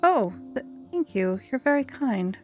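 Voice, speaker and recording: A wistful, heartbroken young maiden pours out her sorrow in slow, melodramatic lines. A woman voices her a little higher and louder than her own voice, in a game. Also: big pitch swings, faint music behind. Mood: lovelorn. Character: lovesick weeping young maiden, dramatic and wistful.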